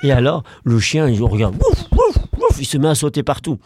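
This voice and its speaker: A man improvising a bedtime story for a child at home, playful and animated with small hesitations. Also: mid-range voice, fast talker, dry recording, clean studio sound. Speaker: parent telling a bedtime story.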